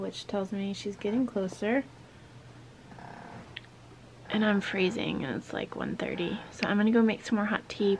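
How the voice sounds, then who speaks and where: A medium-pitched woman in her thirties narrates a casual vlog, soft-spoken and often whispering, while filming in a wooden barn at night and a farmhouse kitchen. A little hiss or hum can be heard.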